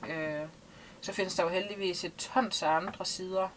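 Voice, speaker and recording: A woman's voice: fairly low pitch, steady tone, a crowd in the background. A woman in her thirties from Denmark, talking casually and thoughtfully in an interview, with many hesitations, seated in a small boat cabin. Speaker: interviewee, liveaboard sailor.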